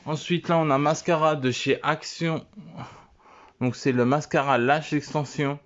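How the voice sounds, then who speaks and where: Male vlogger, unhurried show-and-tell with lots of "euh", mid pitch, dull lo-fi sound with faint hiss. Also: steady tone. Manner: halting, many fillers and restarts.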